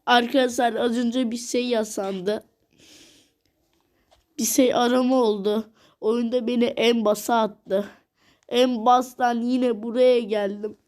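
A woman records casual commentary over her own gameplay. Her voice sits high and her delivery is slow and drawn out. She sounds worn down and exasperated, and she keeps repeating the same words. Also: steady tone, darkish tone. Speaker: gaming vlogger.

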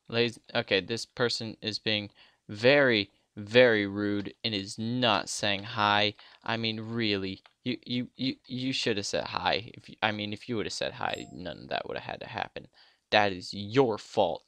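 A man's voice: on the low side, moderate pace, bright, forceful tone, clean tone, dry recording. A young man casually commenting on a game he is playing, rambling and joking with lots of fillers. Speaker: gaming YouTuber.

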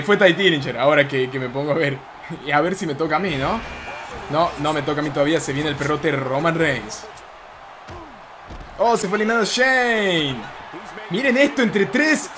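A young Argentine man excitedly commentating his own wrestling video game play, exclaiming and swearing casually. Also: on the high side. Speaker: gaming YouTuber. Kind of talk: gameplay commentary.

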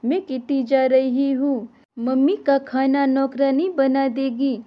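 A woman's voice: sits high, steady tone, slow, dull audio. A woman voicing a spoilt young married woman who complains with self-pity. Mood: aggrieved.

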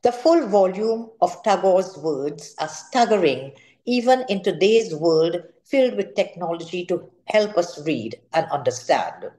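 Seated at a table indoors at home, an older author with a Trinidadian accent reads out a prepared literary talk, formal and careful in her delivery. Her voice is warm and on the low side, animated yet a little slow.

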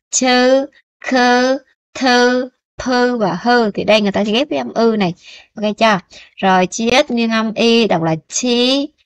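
A woman's voice: on the high side, dry recording. A Vietnamese woman teaching a beginner Korean lesson, patiently repeating each syllable for students to copy.

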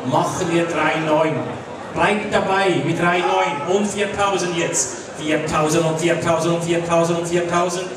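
A man's voice: on the high side, flat delivery, measured pace. A man working as a cattle auctioneer, chanting bids insistently in repeated numbers, heard from the audience of a large hall. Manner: insistent, repetitive bid calling. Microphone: distant camera picking up PA. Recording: echoey hall PA, far off, crowd noise.

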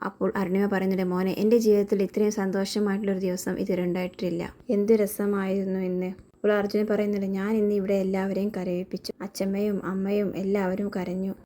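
A woman's voice: medium pitch, dark tone. A woman host casually retelling a TV serial episode, reading the characters' dialogue in her own voice.

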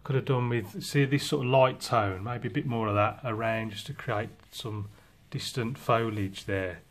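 This watercolour instructor speaks at a moderate pace with a medium-pitched voice, working casually at his easel in an indoor studio and restarting often as he thinks out loud. The recording has an echoey sound with noticeable background noise.

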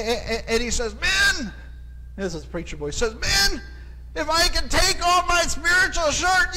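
A man preaching a sermon as pastor, halting and restarting often, repeating his words, into a clip-on mic. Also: high voice, fairly bright tone, big-room sound, rough recording. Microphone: clip-on microphone.

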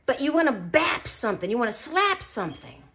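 A woman teaching children beatboxing in an animated, encouraging way, full of praise. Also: high-pitched, fairly quick. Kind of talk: children's tutorial.

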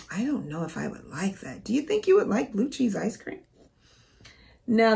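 A woman in her forties reading a storybook aloud to young children as a teacher, expressive and careful. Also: mid-range voice, vocal fry. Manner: expressive, careful, asks the listener questions.

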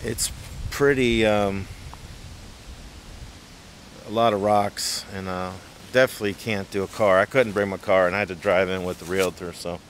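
A middle-aged man with a Maine accent speaks low and steady over a little hiss or hum. Holding his phone camera at arm's length, he gives a casual walk-through of an unfinished wooden cabin, musing unhurriedly and trailing off as he moves from the autumn woods inside.

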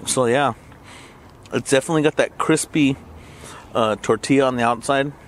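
A man's voice: mid-range voice, moderate pace, slight background noise. A man hosting a casual food review vlog, rambling and joking as he eats. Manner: rambling, joking asides while eating. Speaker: burrito reviewer and channel host.

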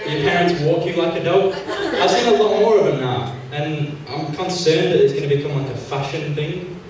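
A young man doing an animated stand-up routine on a small theatre stage, acting out the people he quotes. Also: fairly high pitch, normal speed. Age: young adult. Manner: animated, acts out quoted characters. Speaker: stand-up comedian. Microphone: handheld mic, far camera. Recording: echoey hall, from far off.

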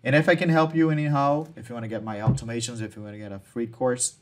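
A Brazilian man whose first language is Portuguese hosts a marketing tutorial, walking through software features in a screen-share. His medium-pitched voice stays fairly even and he talks fast. He's casual, repeating words, restarting phrases and using non-native phrasing.

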